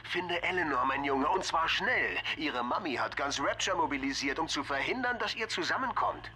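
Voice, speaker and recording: Radio ally, video game dub, urgent, distant noisy radio transmission. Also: male voice, fairly high pitch, lively intonation, normal speed, pushed and bright. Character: smooth male ally speaking over a radio.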